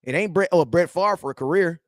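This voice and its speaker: A man, reading and answering viewer chat in a slangy, animated sports rant. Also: on the high side, fairly quick, no echo, studio quality. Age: 40s. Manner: animated, slangy trash talk, shouts at chat. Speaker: sports fan streamer.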